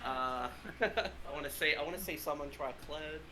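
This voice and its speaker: Laid-back gamer guest, slightly high voice. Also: male voice, normal speed, bright, forceful tone. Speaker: guest player. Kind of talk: casual esports podcast chat.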